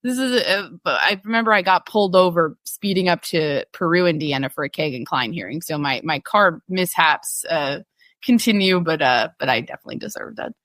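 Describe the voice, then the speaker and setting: Female podcast co-host, lower-pitched, dry close sound, rambling conversational delivery. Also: animated, fairly quick, fairly bright tone, no echo. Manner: chatty, many restarts and fillers, laughs easily. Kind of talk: casual chat reading patron questions.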